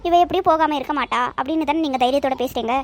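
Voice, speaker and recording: A woman's voice: sits high, rapid-fire, natural voice. A woman voicing a firm, indignant cartoon working wife who argues back. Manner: firm, arguing.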